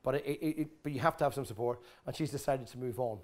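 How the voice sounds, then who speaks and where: A middle-aged guest speaker at an expo gives an informal talk and fields audience questions inside a big exhibition tent. His medium-pitched voice moves quickly, and he's blunt and animated, swearing freely and often restarting his sentences.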